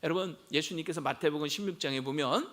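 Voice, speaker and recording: A man's voice: a little high, fast, fairly bright tone. A middle-aged male pastor preaching a Sunday sermon, often talking straight to the congregation and asking them rhetorical questions he then answers. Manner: addresses listeners directly and often; leads a group Bible reading. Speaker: senior pastor.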